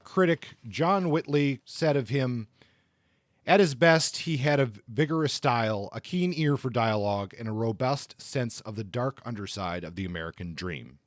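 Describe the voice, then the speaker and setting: A man co-hosts a podcast, walking through a literary biography from notes in a relaxed, conversational style. His voice sits in the mid range at a normal speed, recorded with studio quality and no room sound.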